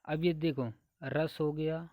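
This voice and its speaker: A man teaches an exam-prep grammar lesson, going item by item through a numbered list. He asks his own questions and answers them, repeating each point. His voice sits a little high and sounds dry and close. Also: steady tone, slow pace, warm tone, no room sound.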